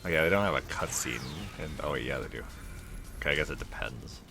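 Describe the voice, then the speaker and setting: A man's voice: rumbling low, lively intonation, fast talker, gravelly, over music. A young man giving casual, rambling, laid-back gameplay commentary as a let's play host.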